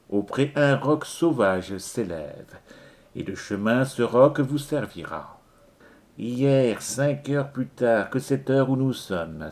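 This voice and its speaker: A man voicing a scheming male demon chief of hell who speaks with smooth, false courtesy and gives commands. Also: mid-range voice, darkish tone.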